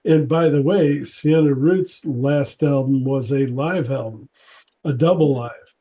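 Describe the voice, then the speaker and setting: A man's voice: mid-range voice, measured pace, warm tone, slightly rough. A man hosting a casual music interview, talking in a loose, rambling way with many fillers and restarts. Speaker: interview host.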